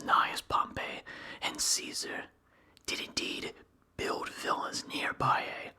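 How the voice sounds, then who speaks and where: In a pushed, bright whisper with a breathy ASMR quality, someone reads philosophy aloud. Each phrase comes out slowly and deliberately, separated by brief pauses.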